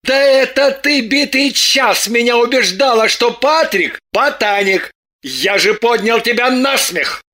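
A man's voice: extremely high pitch, animated, a little slow, pushed and bright, full character voice. A man voicing a bewildered middle-aged husband who keeps defending himself with indignant, theatrical protests.

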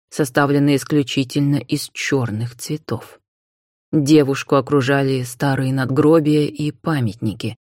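A woman narrating a novel in a measured, even reading voice. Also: low voice, no room sound, clean studio sound. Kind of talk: scripted audiobook narration.

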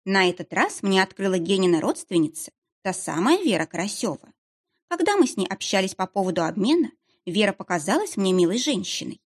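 A woman narrating a first-person audiobook in an expressive storytelling manner. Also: medium pitch, fairly quick.

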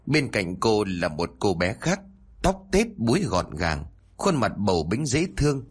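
A man narrating a horror story in a scripted, expressive reading, doing all the voices. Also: on the low side, slightly rough.

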